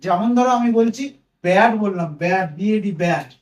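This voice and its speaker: A man with a very high voice teaches grammar patiently, spelling each word out letter by letter. He sounds set back from the mic, and his voice rings in an echoey room. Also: a little fast, far from the mic. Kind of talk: explaining grammar to students.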